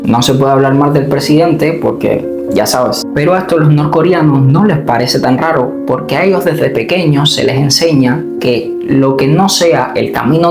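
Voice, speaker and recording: A young man from Cuba walks the listener through his points in an earnest, explaining voice, sitting at a middle pitch. The room rings around him, and guitar music plays clearly beneath. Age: 20s. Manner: earnest, explanatory, personal storytelling. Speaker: commentator. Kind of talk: commentary video narration. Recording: roomy sound with music bed.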